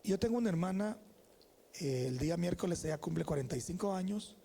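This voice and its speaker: A man's voice: high-pitched, animated, brisk, creaky, dark tone, breathy edge. A man in his forties with a Salvadoran accent, preaching as a guest pastor, telling personal stories in an emphatic, conversational way and calling out "amén" to the congregation. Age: 40s. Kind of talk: sermon with personal storytelling. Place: church.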